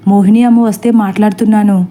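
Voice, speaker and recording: A woman voicing a bold, gossipy village wife who talks briskly and rustically. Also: mid-range voice, fairly even intonation, warm tone, slight background noise, lightly acted. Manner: brisk, whispering secrets, rustic. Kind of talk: storybook acting.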